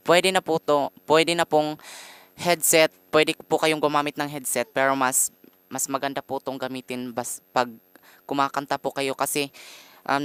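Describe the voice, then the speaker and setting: A man's voice: mid-range voice, a bit bright, smooth, no echo. Hesitant Filipino man explaining mic setup. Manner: hesitant, fillers and frequent pauses; addresses viewers politely as guys. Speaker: vlogger. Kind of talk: casual tutorial vlog. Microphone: condenser mic through a sound card.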